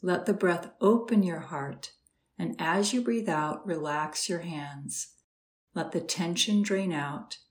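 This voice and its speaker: Soft-spoken woman guiding a meditation. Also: fairly low pitch. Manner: slow, soft, soothing instructions with pauses. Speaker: meditation guide. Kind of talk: guided meditation.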